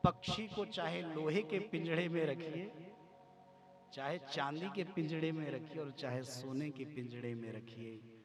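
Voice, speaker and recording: A man's voice: on the high side, steady tone, unhurried, over music. A man preaching a devotional scripture sermon, telling the story in a sing-song way with frequent rhetorical questions. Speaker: religious storyteller.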